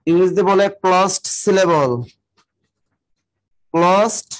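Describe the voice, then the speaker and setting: A man with a high-pitched voice teaches a live online class and dictates the same definition again and again. He keeps telling students to write quickly and greets viewers by name as they join. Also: fairly even intonation. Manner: repeats definitions slowly for students to write down, urging them to hurry; talks to viewers directly, greeting them by name and district. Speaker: exam-prep teacher.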